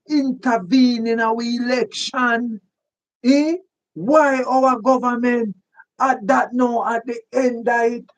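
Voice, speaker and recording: A commentator with a Jamaican accent giving emphatic political commentary in patois, repeating points for stress. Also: mid-range voice. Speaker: online commentator.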